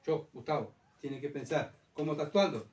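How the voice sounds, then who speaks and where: A man preaches a sermon in a slightly high voice. He keeps asking the congregation rhetorical questions and repeats his main points. The sound is roomy, picked up from well back in a church hall. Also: fairly quick, darkish tone, distant mic. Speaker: pastor.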